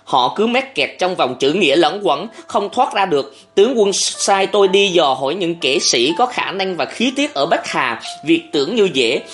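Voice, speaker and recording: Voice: medium pitch, animated, faint music behind, pitched above the performer's own voice, natural voice. A narrator voicing a young male scholar-aide who speaks in bitter, heated outbursts in an audiobook. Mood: indignant. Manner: heated, raised voice, fast outbursts. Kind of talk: audiobook character voice.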